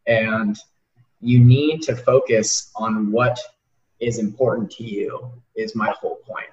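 A man's voice: on the low side, steady tone, takes it slowly, a little mellow. A man in his twenties hosting a podcast, talking earnestly in a rambling way with lots of repeated words. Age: 20s. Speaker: podcast host. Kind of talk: casual interview chat. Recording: roomy, distant, dull sound.

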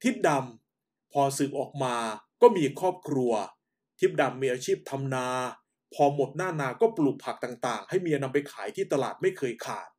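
A man hosting and narrating in a calm, unhurried radio style, using polite particles as he tells a story. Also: medium pitch. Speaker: host.

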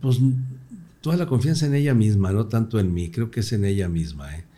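A man's voice: fairly low pitch, fairly quick, mellow. A middle-aged Mexican man, a comedian guest, telling stories in casual chat, swearing freely and laughing at his own jokes. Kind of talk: casual storytelling interview.

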